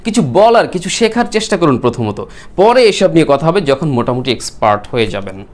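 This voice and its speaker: A man's voice: fairly high pitch, big pitch swings. Bengali-accented male English teacher, patient. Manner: explains patiently, repeating words slowly and asking the viewers questions. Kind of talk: spoken English lesson.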